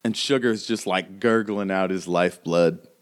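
A man's voice: sits low, normal speed. A man narrating a tabletop game as game master, casual and swearing freely. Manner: casual, swearing, laughing often.

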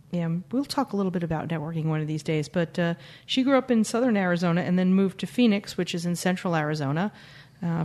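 A woman speaks at a middling pitch as a podcast co-host. Her delivery is casual and chatty, peppered with wry asides as she makes introductions. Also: a little mellow. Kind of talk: casual chat, introducing guests.

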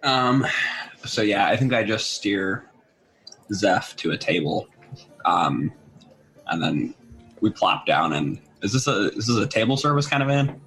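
A man's voice: lowish voice, lively intonation, a little slow, long pauses, a bit bright, soft background music. A man playing a tabletop game, casual and wry, joking in character. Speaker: player.

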